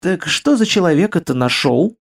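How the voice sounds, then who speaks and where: A man reading an audiobook, voicing a fiery older woman, a retired sniper who scolds her husband in a sharp, hissing way. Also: on the high side, animated, normal speed, gravelly, slightly rough, exaggerated voice. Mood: alarmed. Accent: foreign accent when irritated.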